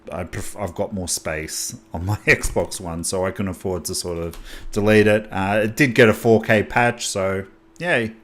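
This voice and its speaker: A young man hosting a casual video game haul, talking excitedly and rambling, often restarting and correcting himself mid-sentence. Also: lowish voice. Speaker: gaming channel host.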